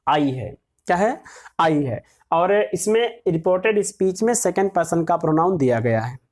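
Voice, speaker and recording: A woman's voice: lowish voice, animated, normal speed, a little mellow. A woman teaching a grammar lesson who dictates example sentences word by word and asks her class questions, then answers them herself.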